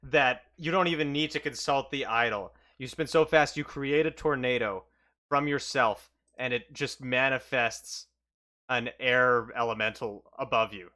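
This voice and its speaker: A man's voice: medium pitch, measured pace, sharp tone. A man improvising narration as game master of a tabletop role-playing game.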